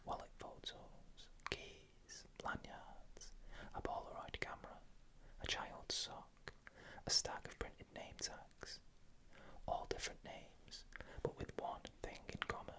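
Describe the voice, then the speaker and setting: A narrator telling scary first-person stories in an unvoiced, breathy ASMR whisper, with slow, deliberate phrasing. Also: bright, forceful tone.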